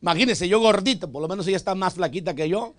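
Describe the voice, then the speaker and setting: High-pitched pastor guy preaching in church, gets loud then drops to quiet jokes, keeps saying brother to the crowd. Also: fast talker, no echo. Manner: swings from loud preaching to quiet joking asides; calls out "hermano" to the congregation. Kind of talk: Spanish sermon. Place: church sanctuary.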